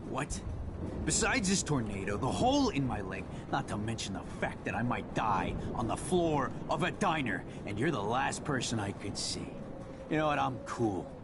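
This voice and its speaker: A man's voice: mid-range voice, big pitch swings, moderate pace, heavy background noise. An actor playing a bitter, sardonic, volatile wounded man in a dramatic game, sarcastic and profane.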